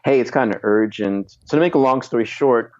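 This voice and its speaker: A man in his fifties, a guest musician, shares candid stories in an interview, reflective and quick to laugh, often trailing off and starting over. His voice is medium-pitched, and the recording sounds muffled.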